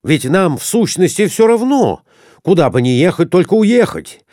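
A man's voice: high voice, sing-song, dark tone, no room sound, studio quality, pitched above the performer's own voice. A man playing a jittery fleeing husband. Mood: fretful. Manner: fretful, hurried pleading. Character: jittery middle-aged husband desperate to flee.

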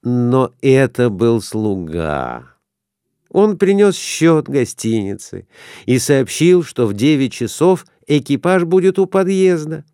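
Unhurried expressive male audiobook narrator. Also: mid-range voice, smooth, dry recording, clean studio sound. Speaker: audiobook reader. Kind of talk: scripted narration.

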